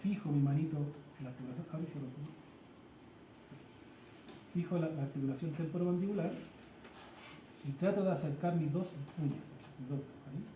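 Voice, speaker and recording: A man's voice: on the high side, moderate pace, long pauses. A man instructor, leading a hands-on practical class demonstration and explaining step by step while checking in with his students. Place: practice room with a treatment table. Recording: echoey room with loud background noise.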